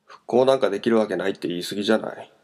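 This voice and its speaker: A man's voice: lowish voice, racing, darkish tone, close to an everyday voice. A man reading a novel aloud, voicing a tearful young man who bitterly lashes out. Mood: gruff. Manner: bitter, pained. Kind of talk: audiobook character voice.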